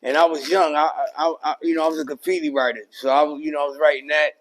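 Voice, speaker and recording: A middle-aged man, a rapper and producer talking through his career as a podcast guest, relaxed and full of "you know what I mean.". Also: fairly high pitch, quick pace, poor audio. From New York. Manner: laid-back, many fillers like "you know what I mean". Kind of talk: casual interview chat.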